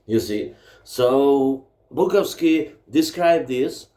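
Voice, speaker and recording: A native Czech speaker with an accent, this book vlogger gives a forceful, foul-mouthed monologue from his home library. He talks slowly and expressively in a dark, mid-range voice, and the room lends a noticeable echo.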